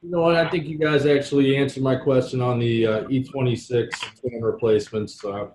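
A man's voice: mid-range voice, fairly even intonation, fairly quick, a little mellow. A man giving casual feedback as an attendee of a webinar. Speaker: audience member giving feedback. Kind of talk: casual question-and-answer chat. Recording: faintly noisy remote call.

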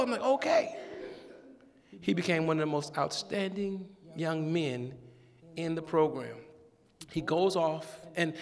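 A man preaching a sermon, telling a story with humor and animated call-and-response. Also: a little high, vocal fry. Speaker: pastor. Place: church sanctuary. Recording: long church-hall reverb.

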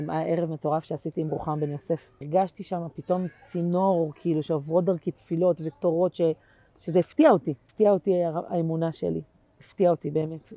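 A woman comedian chatting as a guest in an interview, telling animated stories that swing between loud bursts and quiet asides, with plenty of slangy fillers. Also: lowish voice, no echo. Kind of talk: casual interview chat.

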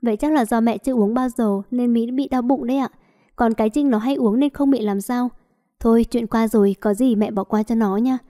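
A woman voicing a gentle middle-aged mother-in-law who speaks in a soft, placating way. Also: fairly high pitch, fairly quick, natural voice. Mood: soothing.

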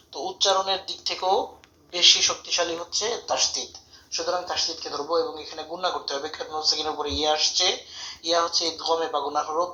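A man teaching tajweed, spelling out Arabic letters syllable by syllable and chanting verses slowly. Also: a little high, sharp tone. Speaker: Quran recitation teacher. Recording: roomy echo, dull lo-fi sound.

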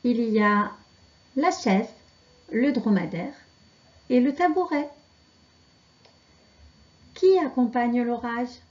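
A woman teaching children to read, pronouncing syllables and words slowly and carefully. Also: a little high, animated, a little mellow, lo-fi sound. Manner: slow, carefully articulated dictation. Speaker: reading teacher. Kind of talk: slow reading lesson for children.

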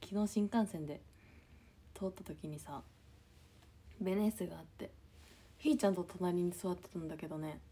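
A young woman chatting casually on a livestream just after waking, with a slightly low, husky voice that often drops to a near-whisper. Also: normal speed, pauses often, mellow. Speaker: idol livestreamer reading comments.

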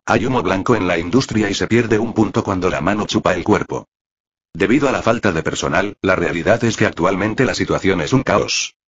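A man reading a translated web novel aloud in a flat, machine-like way. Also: sits low, slightly rough. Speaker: narrator. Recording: dull lo-fi audio.

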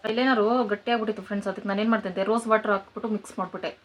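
Talking very fast with a medium pitch and a fairly even intonation, a roughly twenty-eight-year-old woman chats jokingly to her audience. Her accent is rural Kannada, from the Kanakapura area, and her village home vlog moves between indoor and outdoor spots. She addresses viewers as friends and coos at her pets.

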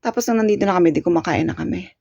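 A woman's voice: on the low side, racing, vocal fry, mellow, no room sound, highs cut off. A woman from the Philippines telling a casual story on her vlog, chatty, laughing often and trailing off with fillers. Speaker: vlogger. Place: home in Korea.

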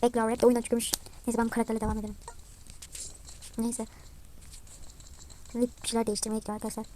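High-voiced young woman gaming vlogger. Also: quick pace, a little hiss or hum. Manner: chatty, excitable, often mutters quietly. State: slightly sick voice. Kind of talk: casual gameplay commentary.

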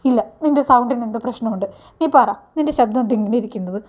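Woman doing a freaked out stammery mom, high and pleading, from a serial recap. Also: quick pace, a little mellow, lightly acted. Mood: frantic. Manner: frantic, pleading, stammering repeats. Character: young woman, anxious frightened mother.

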